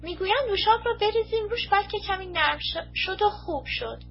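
A woman's voice: very high-pitched, expressive, soft background music, voice pushed up. A woman reading a storybook, voicing a kind-hearted traveler in a tender, pleading way. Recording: muffled lo-fi recording.

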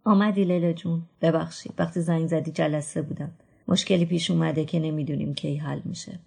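A woman reading a gentle, weary male editor. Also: low voice, vocal fry, husky, heavily acted. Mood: apologetic. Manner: calm, gentle reassurance. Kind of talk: audiobook reading.

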